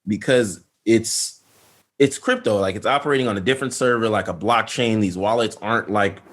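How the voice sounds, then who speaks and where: A young man co-hosting a casual podcast, explaining things in a loose, animated way full of "like" and "you know what I'm saying". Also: on the low side, normal speed. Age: young adult. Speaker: podcast co-host. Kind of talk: casual chat.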